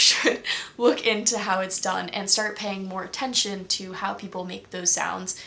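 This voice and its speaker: A woman's voice: medium pitch, fairly bright tone. A woman who hosts a language-learning video channel, chatting casually and explaining patiently with many examples. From United States. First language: English.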